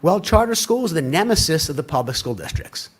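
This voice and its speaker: A middle-aged man giving a conference keynote, telling stories and acting out quoted dialogue in an animated way. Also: on the high side, a little fast, slightly rough. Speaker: keynote speaker. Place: conference hall.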